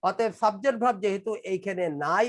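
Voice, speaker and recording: A Bangladeshi English teacher leads a live online class, explaining step by step and repeating key phrases. He reads English test sentences slowly, word by word, in a high, fairly bright voice that stays steady.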